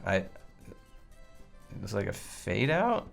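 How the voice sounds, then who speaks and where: A man's voice: lowish voice, huge pitch swings, slow pace, creaky, soft background music. A man giving casual, exasperated gameplay commentary, grumbling and swearing as he plays. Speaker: game player and commentator.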